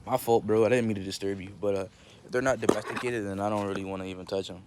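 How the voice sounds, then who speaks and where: A young adult man, a vlogger and amateur musician, chats casually outdoors in a rambling vlog. He's slangy, laid-back and nonchalant, sometimes monotone, speaking very fast in a lowish voice against a noisy background.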